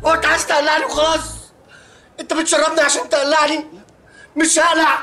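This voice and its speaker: A breathless, whining young man who is dazed and sure he is dying, speaking with an Egyptian accent. His voice sits high and his words tumble out very fast. The scene comes from a comedy series. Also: monotone, sharp tone, faint music behind. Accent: Egyptian Arabic.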